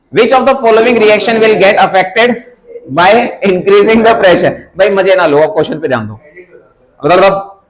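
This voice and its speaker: High-pitched guy teaching chemistry, jokey with the students, keeps saying beta. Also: low-quality recording. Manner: teasing, calls students beta, mixes English phrases. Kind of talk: live class lecture.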